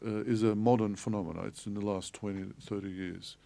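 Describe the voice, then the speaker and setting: Podcast guest: man from Turkey, theologian, gravelly mellow voice, measured explainer. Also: fairly low pitch, steady tone. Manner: measured, explanatory, frequent hesitations. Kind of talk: podcast interview.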